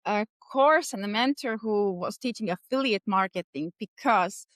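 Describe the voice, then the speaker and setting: Speaking at a normal speed, this podcast guest is a woman in her thirties with an Estonian accent. She answers interview questions in earnest but with many hesitations and restarts, her medium-pitched voice a bit bright and free of echo.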